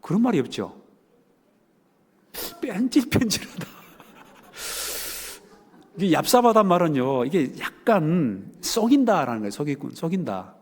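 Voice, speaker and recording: A man's voice: on the high side, big pitch swings, a little fast, few pauses, a little mellow. A middle-aged male pastor with a Jeolla accent, preaching a sermon in a folksy, joking way, full of emphatic rhetorical questions. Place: church sanctuary. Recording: long church hall reverb.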